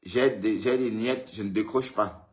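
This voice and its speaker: A man's voice: lowish voice, unhurried, a little mellow. A man hosting a casual live stream, greeting viewers by name and teasing them in a chatty way. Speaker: livestream host. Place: indoors, at home in Europe.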